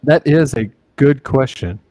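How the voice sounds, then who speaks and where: A man hosting a podcast, teasing his guests with quick quips. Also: medium pitch, animated, darkish tone, no room sound. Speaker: podcast host. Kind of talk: casual banter.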